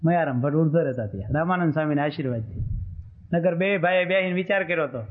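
A man's voice: fairly high pitch, quick pace. A man, a monk giving a sermon in a colloquial, teasing storytelling manner, on a tinny phone-like recording. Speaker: monk preacher.

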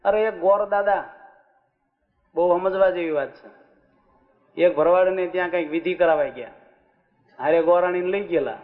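Casting: a lively male religious storyteller, high voice, muffled recording. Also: normal speed, pauses often. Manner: lively, asks the audience "understood?". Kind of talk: folksy sermon storytelling. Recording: muffled with faint music.

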